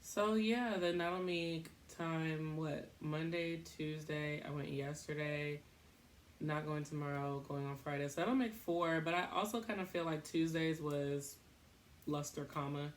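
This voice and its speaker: A young woman hosting a podcast, talking in a casual, rambling way, thinking out loud and laughing at herself. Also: deep voice, steady tone, unhurried, slight background noise. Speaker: podcast host.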